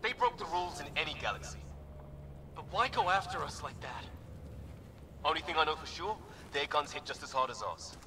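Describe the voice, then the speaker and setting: An actor playing a cynical, wisecracking soldier in a video game, with a sardonic manner. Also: male voice, a little high, animated, fairly quick, pushed and bright. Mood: wry, alert. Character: cynical, wisecracking male soldier on a hostile alien world. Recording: noisy game battle ambience.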